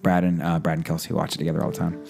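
Quick-talking low woman podcast host. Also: little pitch movement, vocal fry, music in the background. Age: 30s. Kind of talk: casual podcast chat.

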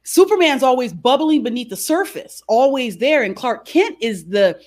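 Animated woman coach telling stories. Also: sits high, moderate pace. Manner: animated storyteller, frequent "right?". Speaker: guest, behavior coach. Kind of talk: conversational interview.

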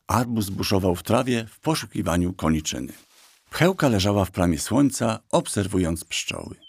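A man narrating a children's audiobook calmly and evenly into a close studio mic. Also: low voice, normal speed, gravelly, breathy edge, no echo.

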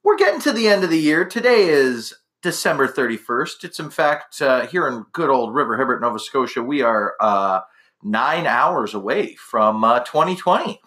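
A man's voice: medium pitch, sing-song, normal speed, a bit bright. A middle-aged man from Canada hosting a casual podcast monologue, rambling chattily and correcting himself in asides. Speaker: podcast host.

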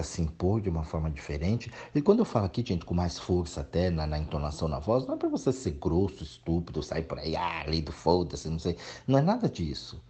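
A man with a low, mellow voice delivers a preachy reflective monologue. His pitch swings widely as he presses each point and mocks complainers in whiny voices. He comes from Brazil. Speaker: motivational speaker.

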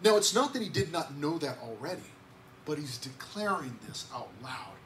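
High-voiced man preaching a sermon. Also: sing-song, normal speed, a bit bright, a little hiss or hum. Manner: conversational, repeats words, asks the congregation questions. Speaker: pastor. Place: church sanctuary.

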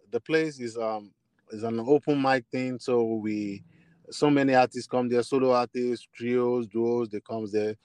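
A Nigerian-accented bassist and singer, interviewed as a musician guest, recounts personal experiences in a mid-range, darkish, smooth voice. He speaks hesitantly, repeating words often while searching for phrasing. The recording has no echo.

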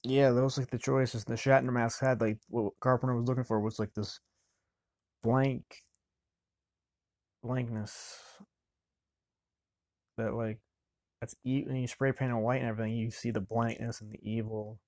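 A man giving casual film commentary, rambling and halting, often restarting mid-sentence. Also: mid-range voice, little pitch movement, darkish tone, no room sound, studio quality.

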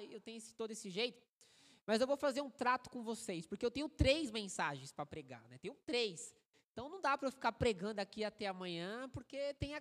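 A man in his thirties with a Brazilian Portuguese accent, a guest preacher giving a sermon in a joking, animated, conversational way, with a fairly high voice for a man. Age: 30s. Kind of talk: sermon with humorous storytelling. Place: church sanctuary. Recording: long church hall reverb.

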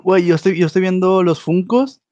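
A man's voice: high voice, brisk, warm tone, no echo, highs cut off. A young man, joking in slangy casual podcast chat and sometimes stammering. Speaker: podcast co-host.

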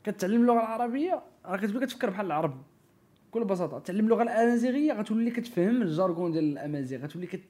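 A man's voice: high-pitched, lively intonation, very fast, dark tone. A man with a Moroccan Arabic accent in casual podcast conversation, opinionated and emphatic, mixing in French and English words and often checking that his listener follows.

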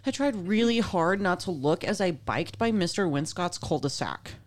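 A woman's voice: lowish voice, lively intonation, moderate pace. A woman casually reading a scary story aloud, with playful, informal asides. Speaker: story reader.

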